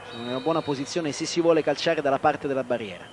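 On an old broadcast, a football commentator calls the play live in rapid-fire, clipped phrases. His voice sits at medium pitch, and he names each player who touches the ball. Loud outdoor stadium noise surrounds him.

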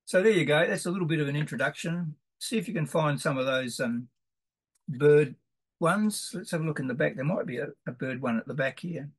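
A man's voice: on the high side, fairly quick, breathy edge. A middle-aged man, giving a homely, rambling introduction and reading poems aloud in a sing-song way. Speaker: presenter. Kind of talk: informal introduction with poetry read aloud.

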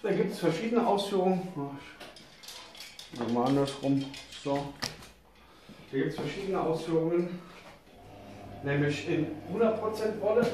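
A middle-aged German man with a slightly high, a little mellow voice reviews outdoor gear as a vlogger, speaking expressively and slowly with frequent pauses. His casual, rambling review is informal, joking and colloquial with mild swearing. He's indoors in a concrete basement laundry room, recorded by a camera mic a few steps away, so the sound is echoey, distant and carries background noise.

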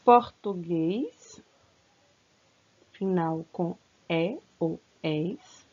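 Woman teacher, children's grammar lesson, slow and drawn-out, higher voice, slightly dull lo-fi sound. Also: animated. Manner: slow, stretched-out words, coaxing pupils with questions. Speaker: school teacher.

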